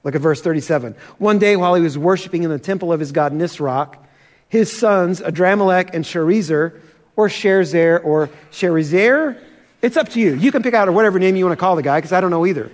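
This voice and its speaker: A pastor giving an earnest sermon, slowing down to stress key points and challenging his listeners. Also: high voice, long reverb tail. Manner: earnest, challenging, slows for emphasis.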